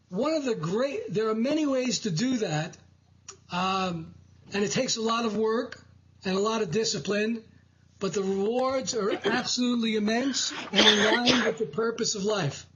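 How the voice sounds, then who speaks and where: A man hosting a spiritual talk show, speaking in a measured, preaching way over dull, lo-fi audio. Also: very high voice, a bit bright, husky. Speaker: host.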